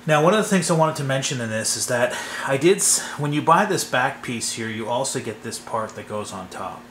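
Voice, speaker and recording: With a brisk, mid-range voice, this man rambles comfortably through a hands-on modeling tutorial at his home workshop bench, frequently asking "okay?" along the way. The sound is roomy, with slight background noise.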